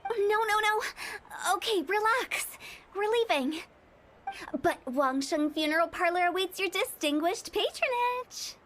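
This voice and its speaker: An actress playing a cheeky, cheerful and eccentric young funeral director in a video game, with playful, theatrical sales patter. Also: female voice, very high-pitched, expressive, measured pace, fairly bright tone, a little hiss or hum, exaggerated voice. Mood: perky, pitching.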